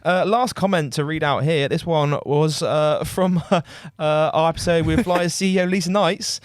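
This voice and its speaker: A man's voice: on the high side, moderate pace, no room sound, clean studio sound. A young man hosting a podcast in casual, upbeat chat, full of fillers. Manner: chatty, upbeat, many fillers. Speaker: podcast host.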